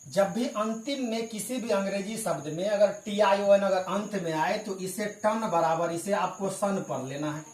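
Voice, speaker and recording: A man's voice: high voice, moderate pace, few pauses. Hindi-speaking man teaching English, echoey room. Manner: explains patiently, spelling words out letter by letter; clears his throat now and then. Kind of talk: spoken classroom lesson. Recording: echoey room with crickets behind.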